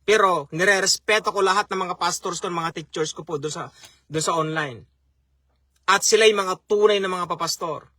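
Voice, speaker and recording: A man delivers a sermon as a chaplain in a high, bright voice. He preaches earnestly and repeats key phrases for emphasis, often calling his listeners brothers and sisters. The sound is close and dry, with no room echo. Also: normal speed.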